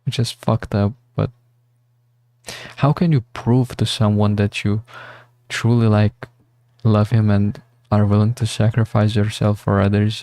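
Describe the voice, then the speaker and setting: A man with a warm, lowish voice streams a game, with no echo on the recording. It's a casual livestream where he meanders through philosophical musings, swearing often.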